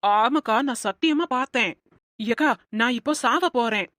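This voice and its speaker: A woman voicing a naive, scheming younger woman in an animated comedy, speaking in an earnest, pleading way. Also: fairly high pitch, moderate pace.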